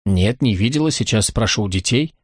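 A male narrator lends his voice to a warm, talkative young mother in a storybook reading. She chats on with a gently worried tone, pitched a touch above the reader's own voice. The recording is dry and close. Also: lively intonation, fairly quick, slightly rough, no echo. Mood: chatty. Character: kind warm mother, woman in her thirties.

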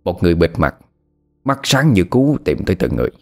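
A man's voice: deep voice, big pitch swings, a little fast, a little mellow, soft background music. A man voicing a frightened, evasive old shopkeeper who talks in a whiny, pleading way. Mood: grim.

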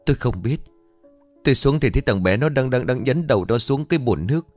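A man's voice: mid-range voice, animated, a little fast, faint music behind, voice pushed up, close to an everyday voice. A man voicing an anxious, tearful old grandmother in an audio story, wailing and fretful. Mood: panicked.

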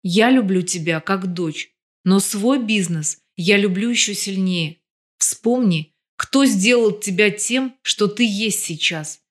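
A woman's voice: mid-range voice, slow. A woman reading as a cold, hissing crime boss. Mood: menacing. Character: menacing middle-aged male crime boss.

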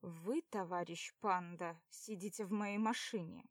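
A woman voicing a sarcastic, quick-tempered young man with a mocking, gruff manner. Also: mid-range voice, expressive, darkish tone, no echo, clean studio sound. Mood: irritated.

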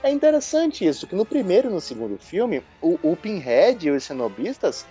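A chatty Brazilian podcast co-host whose pitch swings freely as they talk, with quick asides. The recording is dull and lo-fi. Faint music plays underneath. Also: sing-song, warm tone. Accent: Brazilian Portuguese. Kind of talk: casual podcast discussion.

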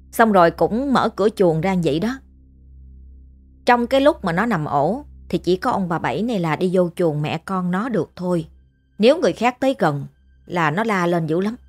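A woman with a Southern Vietnamese accent telling a story in a chatty, animated way. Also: fairly low pitch. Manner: chatty, animated, imitates pig squeals. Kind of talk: casual storytelling narration.

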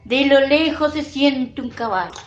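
A woman's voice: high-pitched, animated, unhurried. A woman narrating an improvised fairy tale on community radio. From Argentina. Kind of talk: improvised storytelling. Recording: lo-fi radio recording with loud noise.

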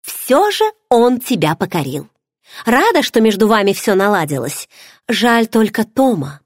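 A woman's voice: mid-range voice, very animated, unhurried, dry recording, studio quality, pitched above the performer's own voice. A woman voicing a playful, nosy young pregnant friend who teases with pushy questions. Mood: teasing. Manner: teasing, bubbly, pushy questions.

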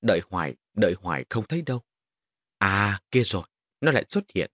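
A man narrating a first-person horror story with dramatic, expressive delivery. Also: on the low side, fairly quick, dry recording, clean studio sound.

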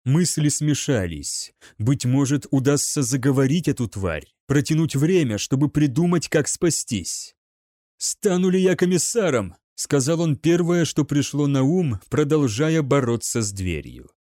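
A man's voice: mid-range voice, expressive, a little slow, hardly any pauses, warm tone, no room sound, clean studio sound. A man reading an audiobook with dramatic, scripted narration. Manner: dramatic storytelling.

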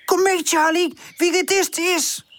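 A woman voicing a boisterous, playful young male dog in a children's audiobook, cheerful and excitable. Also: very high voice, a little slow, pitched above the performer's own voice. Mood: excited. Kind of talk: audiobook character voice.

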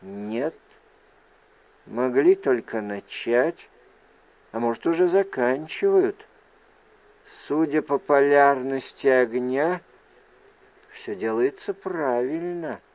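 A man reading the part of a wary sorceress who speaks in a hushed, near-whispered voice in an audiobook. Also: mid-range voice, animated, slow, long pauses, lo-fi sound. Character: sorceress, low-voiced woman, tense and wary.

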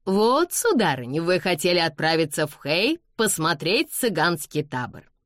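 An eager middle-aged colonel talks the company round with a lively, bouncing voice, as a woman reader puts him on. He is persuasive and keen. The audiobook sound is dry and close. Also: sits low, a little slow, no echo. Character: insistent middle-aged male colonel, cheerful.

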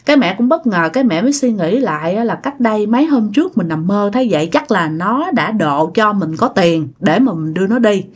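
A woman's voice: medium pitch, animated, a little fast, hardly any pauses, breathy edge. A woman with a Southern Vietnamese accent chattily telling a ghost story, addressing listeners directly. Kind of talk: casual ghost-story narration.

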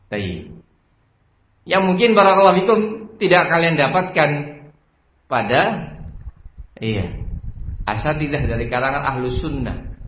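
A man preaching a religious lecture, who keeps repeating a blessing phrase as a filler and swings between emphatic bursts and quiet asides. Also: mid-range voice. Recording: echoey room, dull lo-fi sound.

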